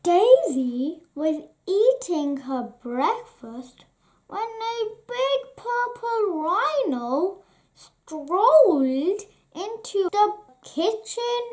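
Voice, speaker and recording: With a high-pitched voice, the host of a children's story channel reads a bedtime picture book out loud, taking it slowly and with plenty of expression.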